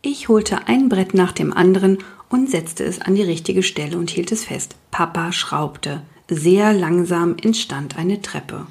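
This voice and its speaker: A woman narrating a children's story in the first person, calm and even. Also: fairly low pitch, measured pace, creaky, few pauses. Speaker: audiobook reader.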